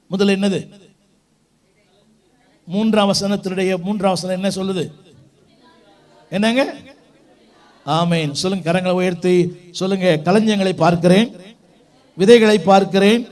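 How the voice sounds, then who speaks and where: High-voiced Tamil pastor leading a call-and-response sermon. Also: male voice, a little mellow. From South India. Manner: urges the congregation to repeat words aloud; mixes English phrases into his preaching. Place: church hall with a congregation.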